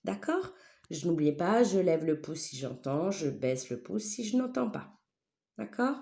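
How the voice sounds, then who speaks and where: A woman teacher, leading a phonics lesson for young children, stretching sounds slowly and often checking that they follow. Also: lowish voice, very animated, gravelly, warm tone. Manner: slow, exaggerated syllables with a wide smile; patient, checks understanding often.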